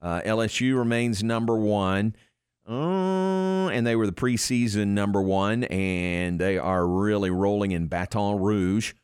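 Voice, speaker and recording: A man's voice: lowish voice, expressive, a little slow, darkish tone, smooth, dry recording, studio quality. A man hosting a sports radio show in a casual, live talking style. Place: radio studio.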